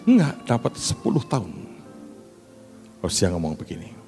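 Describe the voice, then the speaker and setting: Lively male pastor preaching. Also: medium pitch, normal speed, soft background music. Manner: animated storytelling, addresses listeners as "saudara". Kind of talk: sermon.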